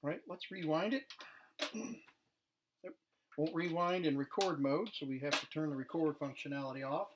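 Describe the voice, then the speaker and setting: A vintage tech demonstrator with a slightly higher-than-average male voice gives an unscripted, casual demonstration of equipment, as a hobbyist presenter would. He explains plainly and somewhat hesitantly at normal speed, pausing often against a noisy background.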